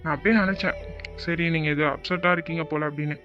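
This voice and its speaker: A man with a fairly high, natural voice talks fast with fairly even intonation, voicing Karthik, a polite, remorseful young co-worker in a cartoon. He pleads earnestly and politely to make peace with a friend. The audio is dull and lo-fi, with a music bed underneath.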